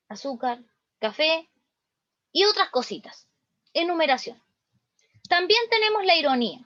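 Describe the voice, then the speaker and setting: A woman's voice: very high voice, a bit bright, no echo. A woman teaching a literature lesson, explaining step by step and often checking in with "¿ya?". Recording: dull, dry lo-fi recording.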